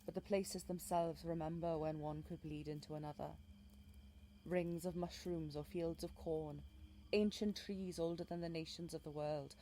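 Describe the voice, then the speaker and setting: Woman playing a mellow Welsh fae guide, mysterious and protective. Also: sits low, slight background noise. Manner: lyrical, archaic phrasing, gently commanding. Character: mysterious female fae guide, protective, wry, ancient storyteller. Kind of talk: intimate scripted audio role-play.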